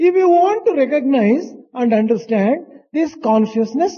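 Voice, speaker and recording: An interpreter translating a spiritual discourse in a large hall, speaking haltingly with hesitations. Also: high voice, expressive, breathy edge. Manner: slow, halting delivery with hesitations. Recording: dull archival recording with long hall reverb.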